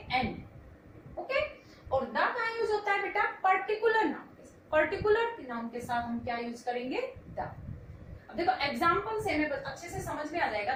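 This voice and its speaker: एक महिला शिक्षिका अंग्रेज़ी व्याकरण धैर्य से समझाती हैं, खुद सवाल पूछकर खुद जवाब देती हैं और बच्चों को बेटा कहती हैं।. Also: female voice, extremely high pitch, echoey room, far from the mic, a little hiss or hum, poor audio. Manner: explains patiently, asks questions and answers them herself, calls students "beta". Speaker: English teacher. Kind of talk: classroom grammar lesson.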